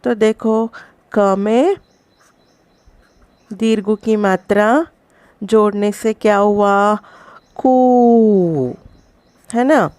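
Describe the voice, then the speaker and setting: A woman's voice: mid-range voice, fairly even intonation, slow pace, pauses often, darkish tone, smooth, no echo. A woman school teacher giving a recorded lesson to young children, explaining patiently and repeating each point. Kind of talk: recorded online class lesson.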